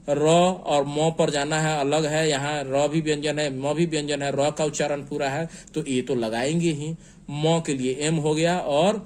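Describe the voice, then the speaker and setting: A man teaching a spelling lesson, slow and patient, spelling words out letter by letter. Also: on the high side. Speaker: English teacher.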